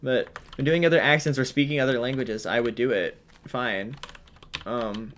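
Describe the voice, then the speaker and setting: A man rambles through casual commentary while playing a game, circling back and restarting his sentences. His voice sits at an ordinary middle pitch. Faint keyboard clicks tick in the background. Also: fairly even intonation, normal speed, fairly bright tone, slight background noise. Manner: rambling, hesitant, many fillers and restarts. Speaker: gaming commentator. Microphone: headset or desk mic while wearing headphones.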